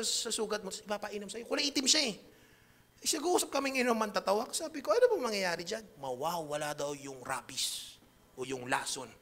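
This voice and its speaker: A man's voice: very high voice, pushed and bright. A man preaching a sermon as pastor in a chatty, joking storytelling manner, mixing in English words. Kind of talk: conversational sermon.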